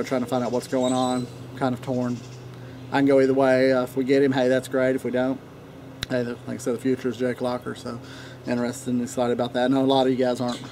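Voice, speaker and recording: A man from Tennessee who reviews pipe tobacco rambles in a relaxed, unhurried vlog style, pausing often, his voice at an average male pitch with a darkish tone. He sits on a wooden deck in a leafy yard, recorded by a camera a few feet off. Birds chirp, a dog barks now and then, and there's slight background noise.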